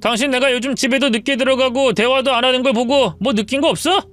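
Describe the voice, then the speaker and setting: Woman doing a low-voiced cruel husband, sneering, storybook drama. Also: quick pace, a bit bright. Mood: contemptuous. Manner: sneering, insulting. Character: cruel cheating husband, contemptuous, middle-aged.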